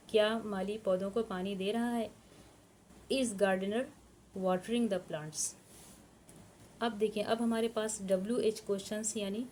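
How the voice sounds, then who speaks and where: Patient woman teaching English grammar slowly. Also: medium pitch, dark tone. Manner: patient, repetitive, dictates English sentences slowly word by word. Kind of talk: grammar lesson explaining in Hindi-Urdu. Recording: faint background noise.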